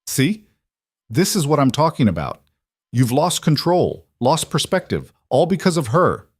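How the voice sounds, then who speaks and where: A man's voice: a little high, sing-song, unhurried, breathy edge, no echo, clean studio sound, pitched above the performer's own voice, exaggerated voice. A man voicing a sneering chained traitor. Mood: taunting. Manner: spiteful and taunting. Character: captive scheming male traitor, bitter and sneering.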